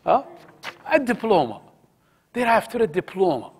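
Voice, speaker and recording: Man, high voice, religious study circle teacher, conversational, repeats himself, asks the audience questions, drops in arabic words. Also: very animated, moderate pace, breathy edge. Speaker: halaqa teacher.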